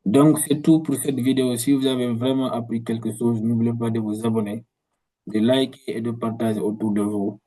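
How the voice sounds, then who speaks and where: A man teaching a language in a video lesson, explaining slowly and repeating words, often restarting his sentences. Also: medium pitch, level tone, warm tone, low-quality recording. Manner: slow, repetitive explanations with frequent restarts.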